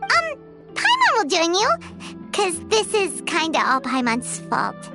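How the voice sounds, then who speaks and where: A woman voicing a tiny, childlike, outspoken fairy companion in a video game, squeaky and earnest. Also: huge pitch swings, measured pace, over music, heavily acted. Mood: sheepish, apologetic. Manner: squeaky, refers to herself in third person. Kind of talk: animated game voice acting.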